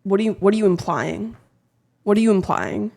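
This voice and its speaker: Her medium-pitched voice is a little mellow with vocal fry, and she talks fairly quickly. The young woman, a streamer living in Texas, chats casually on her live stream, putting herself down and fussing over her microphone.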